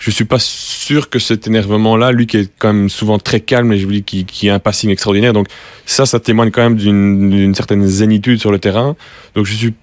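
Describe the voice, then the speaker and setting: A man's voice: lowish voice, little pitch movement, a little fast, dry recording. A man analysing football on a panel, talking in hesitant bursts with restarts. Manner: hesitant, with many restarts and fillers. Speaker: football pundit. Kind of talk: studio sports discussion.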